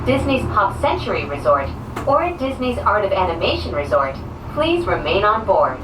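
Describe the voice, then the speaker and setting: Woman announcer over an echoey cabin loudspeaker. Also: sing-song, moderate pace, distant mic. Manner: polished, friendly, clearly enunciated. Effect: announcement played over a cabin loudspeaker. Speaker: transit announcer. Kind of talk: pre-recorded scripted announcements. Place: inside a moving gondola cabin. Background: vehicle rumble and ambient noise.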